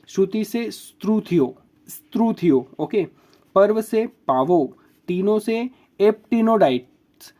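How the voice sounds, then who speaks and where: A man teaching biology, explaining memory tricks for examples and slowly repeating key words for emphasis. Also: on the high side, dark tone.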